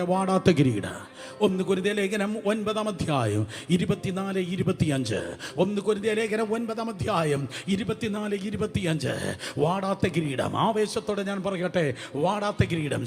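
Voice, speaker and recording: A man preaching a sermon to a congregation, fervent and repetitive, calling out to the listeners and shouting at the peaks. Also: high-pitched. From India.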